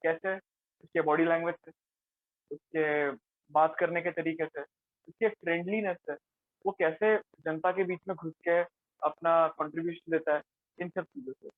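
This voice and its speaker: Man, workshop facilitator, fairly high voice, dry phone-like sound. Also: fairly even intonation, normal speed, no room sound. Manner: mixes Hindi and English, explains with rhetorical questions. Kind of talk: conversational workshop talk.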